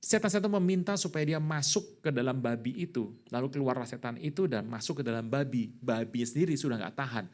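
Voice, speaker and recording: A middle-aged man, a pastor, preaching a sermon in an animated way, with sudden loud bursts. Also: mid-range voice, a little fast, few pauses.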